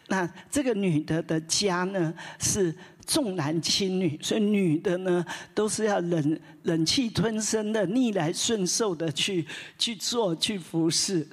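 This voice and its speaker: A woman pastor telling a story in a sermon, in a conversational way, often tagging her phrases with a soft "ha" and restarting her sentences. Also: medium pitch, breathy edge. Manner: lively retelling with many restarts. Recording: long hall reverb.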